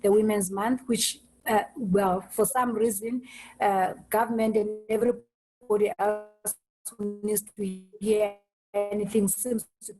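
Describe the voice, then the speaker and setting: A woman hosting an online meeting over a video call, speaking haltingly and restarting her words often. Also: medium pitch, mellow, low-quality recording. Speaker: host.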